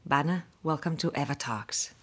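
A woman's voice: sits low, moderate pace. A woman from Spain hosting a podcast interview, talking at length and rambling with restarts. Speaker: podcast host.

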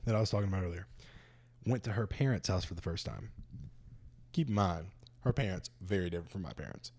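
A man's voice: low-pitched, lively intonation, quick pace, a little mellow. A young man chatting casually with a friend, telling laid-back stories and laughing often. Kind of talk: casual chat.

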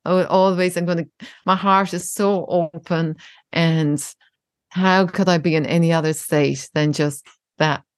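A woman's voice: lowish voice, no echo, clean studio sound. A middle-aged woman, a parenting educator, talking reflectively in a podcast conversation and laughing easily. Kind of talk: casual chat.

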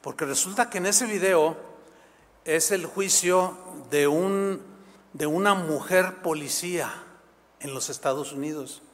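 A pastor with a notably high voice, telling a story during a sermon. He shifts between hushed moments and forceful calls to his congregation. A long church reverb trails after every phrase. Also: a little slow. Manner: animated storytelling, emphatic.

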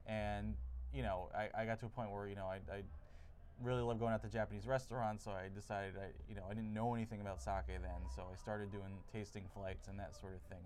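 A man with a fairly low voice answers interview questions casually as a guest author. He is miked in a bookstore, with faint room noise behind him. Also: a little mellow. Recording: noisy live room recording at bookstore.

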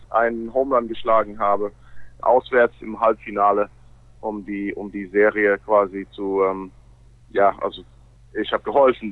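A man speaks German as a foreign language with a clear North American accent, chatting casually as an interview guest. His mid-pitched voice comes through narrow and phone-like, with very little room sound. Small grammar slips show his English mother tongue. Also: no echo. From Canada. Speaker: interview guest, baseball player.

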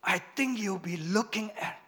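A male pastor preaching a sermon, swinging from loud emphatic lines to quiet, low asides. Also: unhurried, breathy edge.

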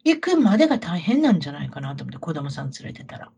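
Middle-aged woman, Kansai accent, chatty auntie storyteller, rapid, very lively intonation, slightly rough voice, casual. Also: sits low. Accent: Kansai Japanese. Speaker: podcast co-host telling travel stories. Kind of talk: casual chat, anecdotes.

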